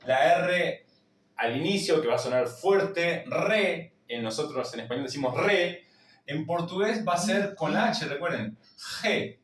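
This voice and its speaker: A man with an Argentine accent teaching a language lesson, repeating each word slowly to drill its pronunciation. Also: a little high, lively intonation, fairly bright tone, reverberant, distant mic. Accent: Argentine Spanish. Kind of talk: slow spoken lesson.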